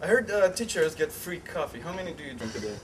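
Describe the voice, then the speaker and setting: Playful man hosting, higher voice. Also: big pitch swings, fast talker, crowd noise. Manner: light, playful questioning. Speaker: interview host. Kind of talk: casual interview questions. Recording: distant mic with faint background noise.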